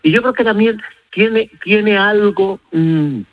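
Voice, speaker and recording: On the radio, a middle-aged travel and food contributor from Spain speaks slowly in a high-sitting voice with a Castilian accent. His enthusiastic, conversational talk rambles and repeats words for emphasis, and the sound is lo-fi.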